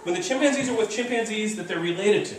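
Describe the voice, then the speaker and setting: Animated male lecturer in an echoey hall. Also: high voice, fast. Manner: animated, mimics animal calls, keeps asking "right?". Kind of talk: classroom lecture. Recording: echoey hall, mic far off, faint noise.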